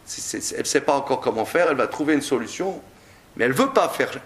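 A man teaching a lively Talmud class to a group, explaining with animated, theatrical examples. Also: medium pitch, fast. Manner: animated, acts out examples with mock anger. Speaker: Torah teacher. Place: study room with a group. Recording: roomy echo.

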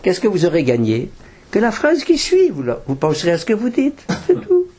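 Husky older rabbi giving a class. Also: male voice, high-pitched, wildly swooping pitch, a little fast, darkish tone. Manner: explanatory, practical tips, mixing in Hebrew terms. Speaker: rabbi teaching students. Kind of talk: Torah class.

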